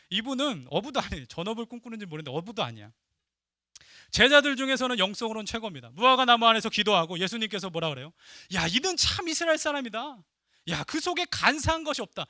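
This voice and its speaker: A man preaching a sermon as pastor, animated and emphatic, dropping to hushed asides. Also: sits high, no room sound, studio quality. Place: church sanctuary.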